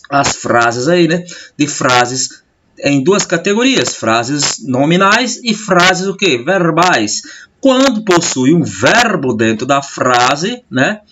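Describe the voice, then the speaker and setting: This male teacher, speaking with a Brazilian Portuguese accent in a voice on the high side and a bit bright, runs a classroom grammar lesson over slides. He constantly checks in with "tá?" and "né?" and answers the questions he poses. The sound is lo-fi with a little hiss or hum.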